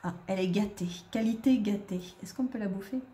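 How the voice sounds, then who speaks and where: A woman's voice: medium pitch, brisk, warm tone. Chatty woman narrating her game. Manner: chatty, talks to the game characters. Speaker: gaming video creator. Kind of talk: casual let's-play commentary.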